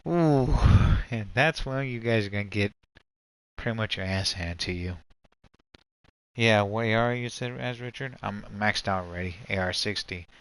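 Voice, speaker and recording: A man's voice: fairly low pitch, moderate pace, fairly bright tone, smooth, no room sound, low-quality recording. A man giving casual, rambling, slangy live commentary as a game streamer. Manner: rambling, slangy, repeats "pretty much".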